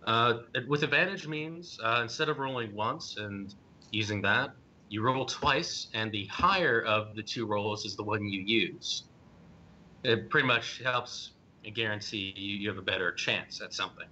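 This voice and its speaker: A man narrating as game master, pausing often with ums and uhs as he describes scenes. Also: bright, forceful tone. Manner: hesitant, many ums and uhs. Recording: dull lo-fi stream audio with faint rumble.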